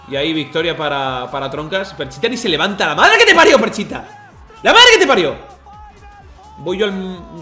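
High, bright-voiced man commentating. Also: roomy sound. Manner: emotional, shouting and groaning at misses. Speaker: team president and streamer recapping matches. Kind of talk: excited match commentary recap.

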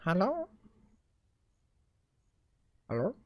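A man's voice: high-pitched, huge pitch swings, extremely slow, dull audio, slight background noise. A young man with a Filipino accent commenting casually on a horror game as a scared, reactive streamer. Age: young adult. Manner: scared, reactive gamer exclamations.

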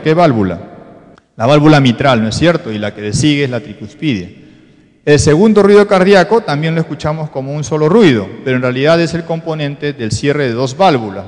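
A man's voice: fairly high pitch, darkish tone. A man with a Peruvian Spanish accent teaching an exam-prep cardiology class, explaining step by step and putting rhetorical questions to the students. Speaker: medical lecturer. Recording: long hall reverb.

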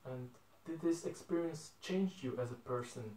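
A man's voice: on the high side, normal speed, warm tone. A young man leads a casual interview, asking plain questions and hesitating often. His voice sounds roomy and set back from the phone. It comes across as a homemade living-room recording. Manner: hesitant, many fillers, simple questions. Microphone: phone camera across a table. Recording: roomy, from a distance.

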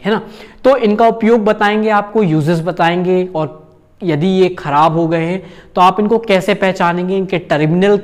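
Young man explaining a course to camera. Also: a little high. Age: young adult. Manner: casual, peppers talk with filler tags and gestures while explaining. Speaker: channel host, course guide.

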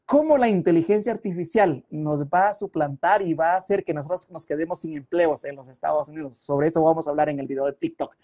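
A man's voice: a little high, quick pace, hardly any pauses, dark tone. A man chatting casually on a live stream, reading viewer comments aloud and rambling from topic to topic. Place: home, at a computer.

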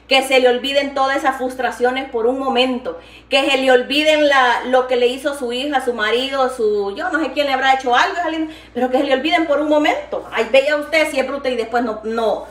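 In a voice that sits high and moves fairly quickly, an older woman chats to camera as she cooks in her home kitchen. This vlogger is upbeat, laughs a lot, and warmly calls viewers "niña" and "hija linda," with the echoey room picked up by a mic at some distance.

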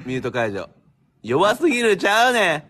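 A man's voice: high-pitched, very animated, moderate pace, a bit bright. A man with a Kansai accent hosting a live stream battle, teasing and throwing playful insults.

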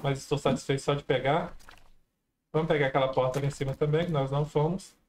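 Man, let's-play streamer, chatty and excitable, slightly high voice, faint noise behind. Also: fast talker. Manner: chatty, talks to viewers, many exclamations. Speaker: gameplay streamer. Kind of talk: casual let's-play commentary.

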